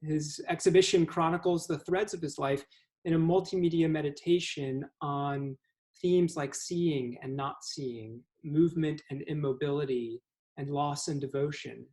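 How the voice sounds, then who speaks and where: A man's voice: fairly high pitch, fairly even intonation, unhurried, a little mellow. A man hosting a museum artist talk, introducing and interviewing the guest with thoughtful questions. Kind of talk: hosted conversation.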